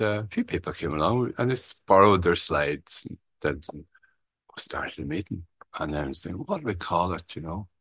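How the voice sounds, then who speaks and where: Speaking in a deep, fairly bright and slightly rough voice, a man from Ireland recounts how he got a recovery meeting started. His story is candid and meandering, peppered with "you know" and offhand curses, and the recording is dry.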